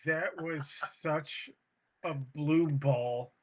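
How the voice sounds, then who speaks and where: A man's voice: on the high side, drawn-out words. A man co-hosting a podcast in casual chat, rambling and swearing, prone to tangents. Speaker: podcast co-host.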